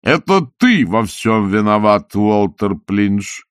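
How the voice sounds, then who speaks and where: A man's voice: mid-range voice, sing-song, moderate pace, no room sound, studio quality. A man voicing a scheming, mocking male opera villain who speaks in a sneering, theatrical, taunting way. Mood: gloating.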